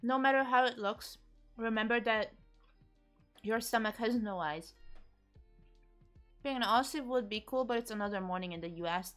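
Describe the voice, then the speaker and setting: A woman's voice: medium pitch, a bit bright. A young woman streamer chatting casually with her viewers while eating, reading and answering chat with frequent giggles. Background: faint background music.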